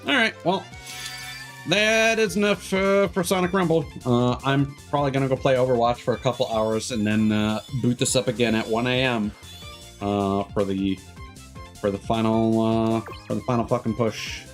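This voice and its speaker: Chatting casually during a gaming livestream, a man thinks aloud in a halting, meandering manner. His voice is mid-range and his speed normal, with game music in the background.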